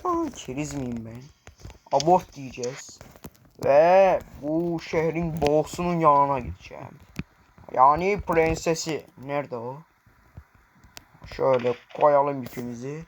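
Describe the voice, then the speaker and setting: A man's voice: on the high side, takes it slowly, a little hiss or hum. A young man commenting on his own gameplay, brashly taunting enemies and talking to viewers.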